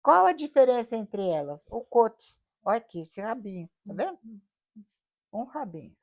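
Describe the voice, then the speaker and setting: Mellow-voiced Brazilian woman teaching Bible. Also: fairly high pitch, big pitch swings, normal speed. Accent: Brazilian Portuguese. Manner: explanatory, asks rhetorical questions, tags "né?". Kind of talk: Bible study lesson.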